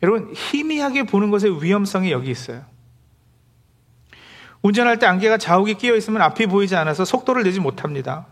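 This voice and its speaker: A man's voice: high-pitched, big pitch swings, fast talker. A middle-aged male pastor giving a conversational sermon, now and then acting out the complaints of believers in quotes.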